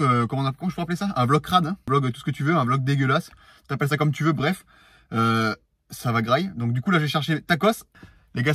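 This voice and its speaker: A young man, hosting a casual vlog with loud, slangy chat. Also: medium pitch, husky, no room sound, clean studio sound. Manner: slangy, loud and hyped, talking to camera. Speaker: vlogger. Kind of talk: casual chat while eating. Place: in a car, then at a table eating.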